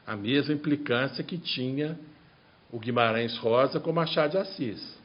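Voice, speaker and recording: Husky-voiced male professor, muffled audio. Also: mid-range voice, normal speed. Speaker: literature professor. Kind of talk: panel discussion.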